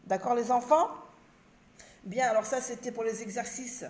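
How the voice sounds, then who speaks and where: A woman teacher giving a reading lesson to children, spelling out syllables slowly and clearly and repeating each word. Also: a little high, a little mellow.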